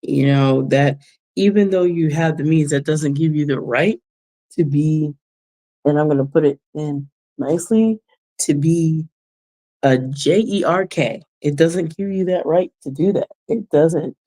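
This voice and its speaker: A woman talks casually to her viewers while working on a craft. Her delivery is slow and unhurried, with a mellow, darker tone. She muses reflectively, gives gentle advice, and breaks into soft chuckles. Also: sits low. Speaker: vlogger giving life advice.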